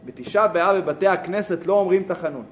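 A man's voice: sits high, a little hiss or hum. A man teaching a Torah lesson, asking rhetorical questions and telling a story. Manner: animated, asks rhetorical questions.

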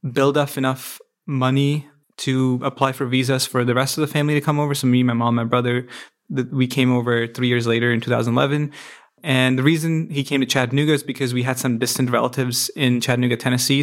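A man in his twenties from India, a podcast guest talking modestly and reflectively in a casual interview. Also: medium pitch. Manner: modest, reflective, with fillers and restarts. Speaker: podcast guest, PhD student.

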